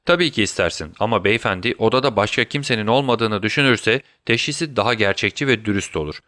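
A brilliant detective, voiced by a man in an audiobook gives urgent, low-pitched orders to his friend. Elsewhere he whispers weakly as if near death. The recording is dry and close. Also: quick pace, pushed and bright, no echo. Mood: urgent, commanding. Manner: urgent commands, then feeble whispers. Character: brilliant male detective feigning deadly illness. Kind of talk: audiobook character voice.

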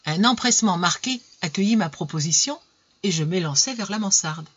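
A woman reading a classic novel aloud in an expressive storytelling style, jumping in pitch for the characters. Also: brisk, breathy edge. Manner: lively, voices characters with pitch jumps. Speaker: audiobook reader. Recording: dull lo-fi recording.

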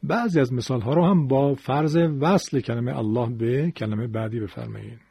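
Man teaching recitation rules, husky voice. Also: mid-range voice, mellow, dry recording. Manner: measured, explanatory, demonstrates sounds from the throat. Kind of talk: classroom lecture on recitation rules.

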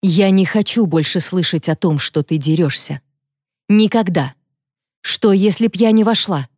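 A woman's voice: on the low side, moderate pace, a little mellow, dry recording, studio quality, lightly acted. A woman voicing a stern adult schoolteacher who talks firmly in clipped phrases. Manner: firm, clipped.

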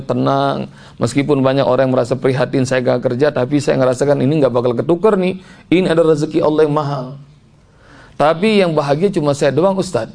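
Gravelly preacher telling a story. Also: male voice, on the high side. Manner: lively storyteller, acts out voices, addresses the congregation. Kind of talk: storytelling sermon.

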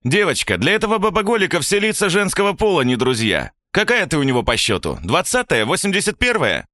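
A man voicing a sharp-tongued, sarcastic male detective who taunts his enemies. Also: high-pitched, sing-song, fairly quick, no room sound, clean studio sound, pitched above the performer's own voice, exaggerated voice. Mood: taunting. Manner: sarcastic, taunting, shouts in anger.

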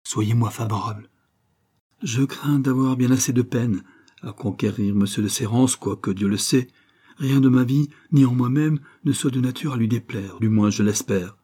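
A man voicing a respectful, ardent young suitor in an audiobook of a novel, with a warm and restrained, pleading delivery. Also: medium pitch, moderate pace, breathy edge, close to an everyday voice.

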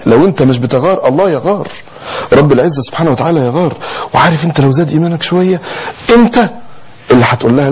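A man's voice: medium pitch, a little mellow, slight background noise, low-quality recording. A man preaching in a sermon with an Egyptian accent, exhorting passionately and firing rhetorical questions.

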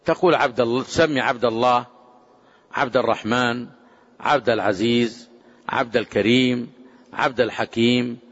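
A man giving a religious lesson as a scholar, speaking emphatically and slowing down to quote prayers. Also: medium pitch, fairly even intonation. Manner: emphatic, rising to forceful exclamations; measured, drawn-out quoting of prayers. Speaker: Islamic scholar teaching. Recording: dull lo-fi sound with long hall reverb.

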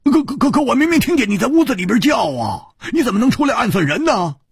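A man voicing a boisterous hard-drinking swordsman in a storytelling performance, stammering and excitable. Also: mid-range voice, moderate pace, breathy edge, no room sound, clean studio sound, pitched above the performer's own voice, heavily acted. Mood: excited.

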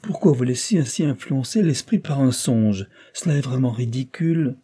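A man reading aloud voices a sensible young woman who speaks briskly and dismissively to her mother. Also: medium pitch, expressive, mellow, slightly rough, pitched above the performer's own voice. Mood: brisk, questioning.

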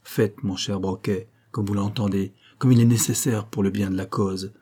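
A man voicing an excitable male government minister in an audiobook, with an emphatic, agitated delivery. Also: lowish voice, normal speed, slightly rough. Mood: formal. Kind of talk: audiobook character reading.

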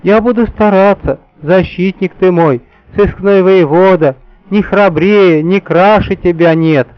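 A man's voice: high-pitched, measured pace, clean tone, dry recording, highs cut off, voice pushed up. A male narrator voicing a playful young woman, a bride who teases with a purring manner. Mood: teasing. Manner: teasing, purring.

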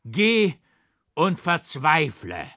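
A man's voice: a little high, wildly swooping pitch, extremely slow, sharp tone, no echo, clean studio sound, pitched above the performer's own voice, exaggerated voice. Man as a raging vengeful monk. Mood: raging scorn. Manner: vehement, scornful outbursts. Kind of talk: audiobook reading of a classic novel.

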